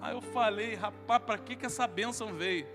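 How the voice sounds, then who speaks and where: A man's voice: sits high, moderate pace. A man with a Brazilian Portuguese accent preaching at a men's congress, telling a funny story and acting out every line of dialogue. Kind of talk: humorous sermon storytelling. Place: large hall at a men's congress. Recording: reverberant hall with faint music.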